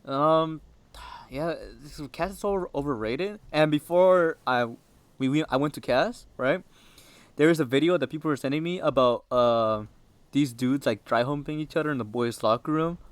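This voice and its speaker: A man's voice: a little high, moderate pace, smooth, no echo. A teenage boy hosting a casual podcast chat, rambling with many fillers and restarts. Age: teens. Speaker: podcast host.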